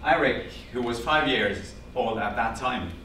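Inside a classroom-sized meeting room with a projector screen, a mid-range, slightly slow voice carries a Norwegian accent: a man from Norway in his fifties, animatedly telling a small audience a personal story, quoting family conversations and gesturing. Captured from afar by a camera with no visible mic, the sound is echoey with a background hum.

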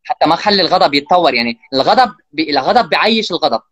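Fast-talking man explaining parenting. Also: a little high, no room sound, dull audio. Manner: fast, animated, acts out parent and child lines. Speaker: guest expert on parenting. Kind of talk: casual explanatory interview talk.

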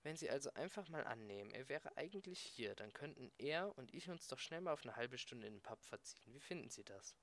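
A man voicing a smooth-talking, scheming alien friend who patiently coaxes others, read in an amateur audiobook. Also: medium pitch, expressive, a little fast, hardly any pauses, fairly bright tone. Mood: coaxing. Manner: persuasive, coaxing and patient.

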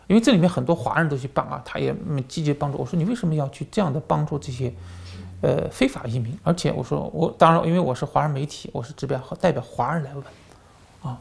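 Fast and creaky, with a fairly high pitch, a man runs a political commentary channel after a career in journalism. He narrates stories in an animated way, repeating words and leaning heavily on fillers.

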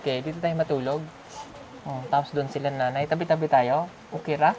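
A woman's voice: low voice, steady tone, a little fast, mellow, slight background noise. Chatty, coaxing woman vlogger. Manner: coaxing, teasing, lots of questions. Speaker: vlogger visiting a sponsored child. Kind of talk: casual vlog chat. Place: at a rural family home.

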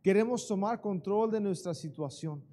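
A pastor preaching a sermon in church, calling out questions for the congregation to answer. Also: male voice, sits high, moderate pace, mellow. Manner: preaching with call-and-response to the congregation. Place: church sanctuary.

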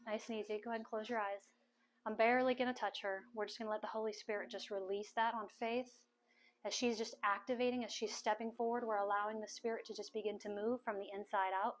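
A middle-aged woman minister praying over people at a house meeting, soft-spoken and coaxing, often repeating her phrases. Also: mid-range voice, little pitch movement, fast. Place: large living room full of people.

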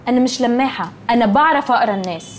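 A woman's voice: a little high, racing, slight background noise, lightly acted. An actress playing a snobbish young woman with an Egyptian accent who drops in English words and is dismissive, in a film comedy. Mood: haughty. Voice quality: haughty dismissive delivery.

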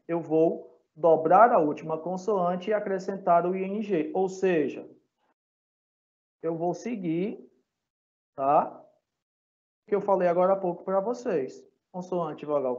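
Slow, patient Brazilian male teacher. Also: fairly high pitch, a little mellow, muffled recording. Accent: Brazilian Portuguese. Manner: patient, checks in constantly with "tá?" and "certo?"; spells out letters slowly. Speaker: English teacher. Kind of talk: recorded online class lesson. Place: classroom or home for a live online class.

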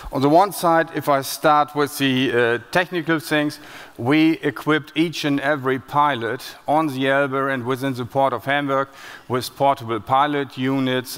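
A man's voice: medium pitch, a bit bright, smooth. German-accented man speaking in a hall. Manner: plain-spoken, with frequent hesitations and restarts. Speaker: conference speaker. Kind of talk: conference presentation. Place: large conference hall stage. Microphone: headset. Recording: long hall reverb.

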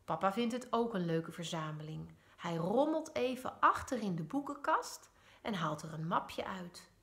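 A woman teacher reading a storybook aloud to children. Her delivery is lively and expressive, her pitch sweeping up and down through the sentences. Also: normal speed, vocal fry.

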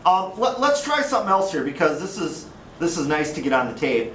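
A man's voice: fairly high pitch, sing-song, a little fast, a bit bright, slight background noise. A man with an Upper Midwest American accent teaching a classroom lecture, chatty and casual, often asking the class questions. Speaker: instructor. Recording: echoey classroom from far off.

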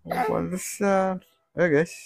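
A man's voice: high voice, steady tone, takes it slowly, gravelly. A middle-aged man, chatting casually while playing an online game with his child and keeps asking questions to guide them along. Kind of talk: casual gameplay chat.

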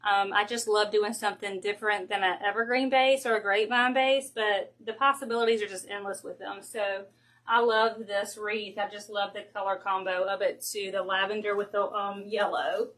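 A woman with a Southern Georgia accent hosting a casual wreath-making livestream, chatty and gushing, quick to laugh, speaking into a phone at home. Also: medium pitch, fairly even intonation, fairly bright tone.

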